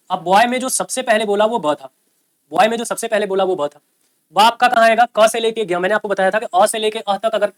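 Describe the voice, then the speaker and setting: A man with a rather high voice teaches a grammar class. He explains things patiently, goes over key points more than once and keeps making sure his students are following.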